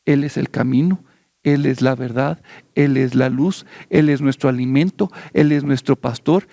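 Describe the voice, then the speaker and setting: A man preaching a sermon as pastor, repeating phrases in a fervent cadence, then praying in slow, pleading words. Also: mid-range voice, gravelly, warm tone, no echo, clean studio sound. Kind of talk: sermon turning into prayer.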